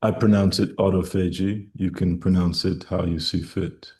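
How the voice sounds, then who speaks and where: A man hosting a live stream, answering viewer questions in a formal, measured way with elaborate vocabulary. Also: low-pitched, little pitch movement, a little mellow. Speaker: host of a health live stream.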